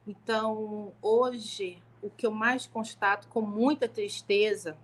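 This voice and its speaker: A middle-aged woman from Rio de Janeiro with a carioca accent softened by years in Manaus, a law professor telling her story in a conversational live stream with many fillers and restarts. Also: mid-range voice, fairly even intonation, slow. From Rio de Janeiro, Brazil. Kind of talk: live-stream talk, personal testimony. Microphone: home live stream.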